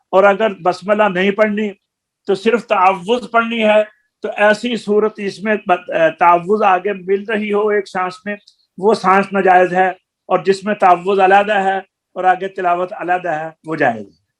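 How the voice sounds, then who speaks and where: A man teaching the rules of Quran recitation, patiently explaining them step by step and demonstrating chanted recitation. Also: sits high. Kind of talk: religious recitation lesson.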